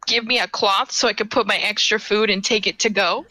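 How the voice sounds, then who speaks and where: A woman's voice: mid-range voice, fairly quick, no echo, poor audio. A woman player in a tabletop game, chatting casually and telling stories with lots of laughter. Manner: giggly, animated storytelling. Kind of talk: casual chat.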